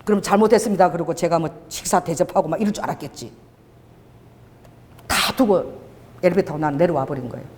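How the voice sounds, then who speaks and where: A woman's voice: fairly low pitch, quick pace, long pauses. A middle-aged woman pastor giving a sermon, telling stories and acting out what people said to her. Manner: animated, storytelling, acts out quoted dialogue. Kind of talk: sermon with told anecdotes. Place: church sanctuary. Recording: long church hall reverb.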